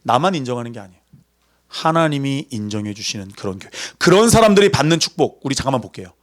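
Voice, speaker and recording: A man preaching a sermon in a lively, conversational way, acting out voices as he goes. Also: mid-range voice, fast talker. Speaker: pastor.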